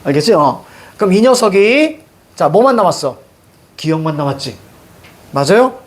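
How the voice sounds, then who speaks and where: A man's voice: sits high, very animated, moderate pace. A male teacher giving a classroom grammar lesson, questioning students and repeating key words.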